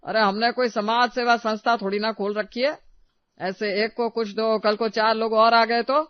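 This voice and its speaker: In a storybook tale, a woman with a fairly high pitch voices a grumpy, proud, stingy old father-in-law who scolds and dismisses everyone. Her delivery is flat, lightly acted and at normal speed, with a clean tone and no room sound, though the recording is dry and slightly dull.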